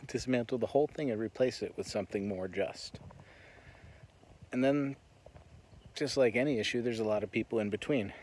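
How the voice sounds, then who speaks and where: Walking as he speaks, a man with an American accent gives an earnest, reflective walk-and-talk monologue for his vlog. His voice is mid-range with a darkish tone.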